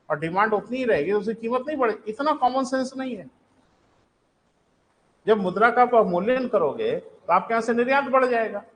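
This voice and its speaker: A man teaching economics to a live class, quizzing and scolding students and dictating notes slowly. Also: high-pitched, slight background noise, poor audio.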